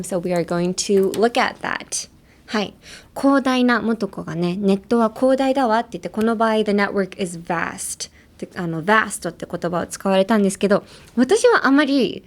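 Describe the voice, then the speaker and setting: Woman drilling pronunciation slowly and playfully. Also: medium pitch. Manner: drills words slowly and repeatedly, chatty and playful. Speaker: podcast host teaching English. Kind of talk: casual bilingual language lesson.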